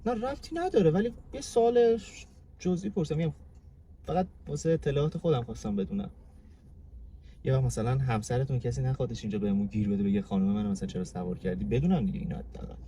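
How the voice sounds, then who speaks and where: A man's voice: mid-range voice, mellow. A man in a hidden-camera prank, driving and flirting with a passenger in a pushy, teasing way. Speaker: prank driver. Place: inside a car. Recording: noisy car interior.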